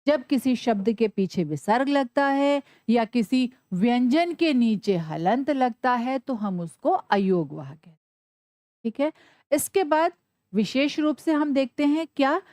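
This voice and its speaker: A woman teaching children a Sanskrit lesson in a slightly high voice that rises and falls a lot. She asks questions and answers them herself, and spells out letters slowly. The sound is dry and close, with no room echo. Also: darkish tone. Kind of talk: classroom lesson.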